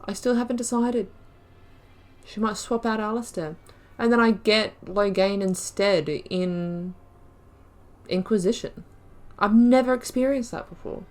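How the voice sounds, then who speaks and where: With a mid-range, darkish voice and an unhurried pace, a woman hosts a let's-play of her own game session. She muses out loud, rambles, revises herself mid-sentence and adds laid-back slang asides.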